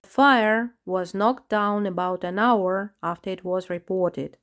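A woman narrating a children's storybook with a steady, clear reading. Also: mid-range voice, a little slow.

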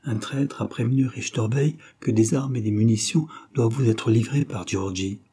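A man's voice: medium pitch, moderate pace, warm tone, husky, close to an everyday voice. A man voicing a weak, frightened young girl in a storybook reading, faint and pleading.

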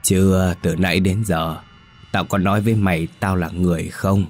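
A man voicing a gruff, mocking old male ghost who guards a graveyard, in a scolding, coarse manner. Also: low voice, fairly even intonation, moderate pace, darkish tone, soft background music.

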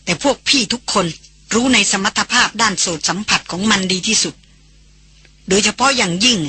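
A reader voicing a serious elder brother who speaks low, quiet and earnest. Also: moderate pace, breathy edge. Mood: grave.

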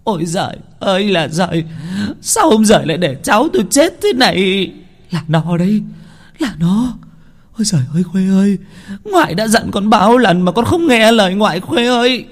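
A man voicing an old grandmother who wails and laments over her dead grandchild in a high, keening, sobbing voice. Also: animated, moderate pace. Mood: grief-stricken wailing.

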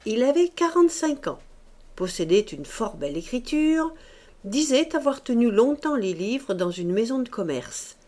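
A woman narrating a classic novel as an audiobook reader, with expressive, varied intonation. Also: on the high side, moderate pace.

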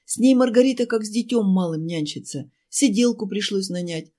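A woman voicing a chatty, fussing woman who runs a cafe, pleading and talking fast in an audiobook. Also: medium pitch, dark tone, pitched above the performer's own voice, close to an everyday voice. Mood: fussy, pleading. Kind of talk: audiobook character voice.

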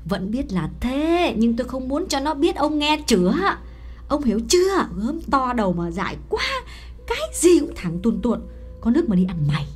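A man voicing a sharp-tongued, scolding middle-aged mother with shrill, nagging rebukes. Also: big pitch swings, brisk, soft background music.

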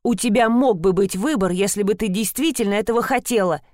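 A woman's voice: mid-range voice, a little fast, a little mellow, dry recording, clean studio sound, close to an everyday voice. A woman voicing a frightened, resentful young sister in an audiobook, pleading and rising with emotion. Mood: bitter. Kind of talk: audiobook character voice.

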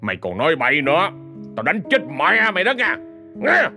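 A man's voice: a little high, huge pitch swings, brisk, music in the background, pitched above the performer's own voice. A man voicing a drunk, violent older village man who barks curses, in a Southern Vietnamese accent. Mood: threatening. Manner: snarling, barking curses.

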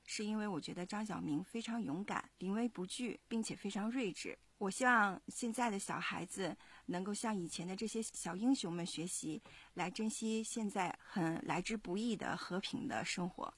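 A woman in her thirties, a mother, narrating a children's story in an expressive, measured way. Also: medium pitch, breathy edge, no room sound. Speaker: parent storyteller.

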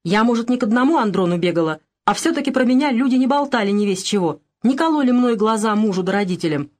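A woman playing a shrill, scolding peasant mother. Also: lively intonation, quick pace, lightly acted. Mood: furious. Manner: shrill scolding, sobbing reproaches. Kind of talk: audiobook character voice.

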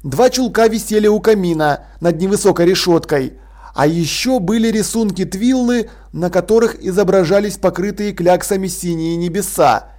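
A man reading a novel aloud in measured storytelling narration. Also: high-pitched, darkish tone. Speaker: audiobook narrator. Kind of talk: scripted narration.

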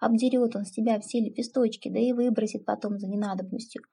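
A woman's voice: on the high side, steady tone, quick pace, gravelly, dark tone, slightly rough. A woman voicing a blunt, stubborn older village aunt who scolds and mocks in folksy speech. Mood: scolding.

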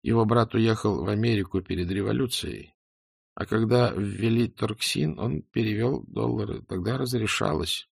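A man voicing a frightened middle-aged male doctor under interrogation, pleading and breaking into hysterical shouts. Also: lowish voice, normal speed, gravelly, slightly rough, no room sound, clean studio sound, full character voice. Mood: nervous.

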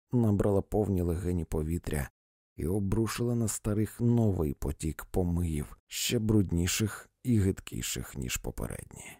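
Expressive male audiobook narrator. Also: fairly low pitch, no room sound, clean studio sound. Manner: expressive, dramatic. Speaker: audiobook reader.

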